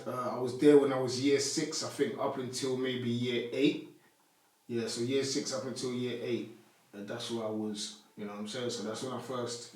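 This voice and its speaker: A man, a podcast guest chatting loosely with a lot of slang. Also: mid-range voice. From Congo. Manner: relaxed, rambling street slang. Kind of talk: casual interview chat. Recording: echoey room, mic at a distance.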